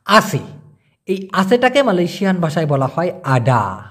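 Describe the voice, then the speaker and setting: A young man giving a casual spoken language lesson, explaining patiently and repeating each word slowly. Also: high voice, big pitch swings, a bit bright. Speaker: language teacher.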